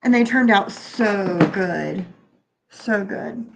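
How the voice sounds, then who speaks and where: Her mid-range voice comes out slow and creaky against a noisy background. The middle-aged livestream host, nose congested, keeps things casual and says hello to viewers by name while moving from her bedroom into the kitchen.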